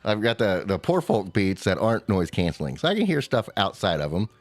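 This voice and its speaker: A man co-hosting a chat show, telling a long, animated travel story in a casual way. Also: brisk, soft background music. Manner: animated storyteller, mimics a screaming child in high squeals. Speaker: podcast co-host.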